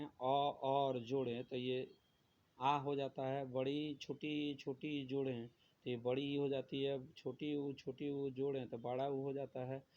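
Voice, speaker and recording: A male teacher giving a grammar lesson, repeating each point and asking the class questions that he answers himself. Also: medium pitch. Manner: repetitive, asks questions then answers them. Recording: dull lo-fi sound with faint noise.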